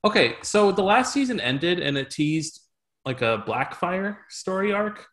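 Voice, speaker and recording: A man hosting a casual podcast chat, relaxed and trailing off into mumbled asides. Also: high-pitched, a little slow. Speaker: podcast host.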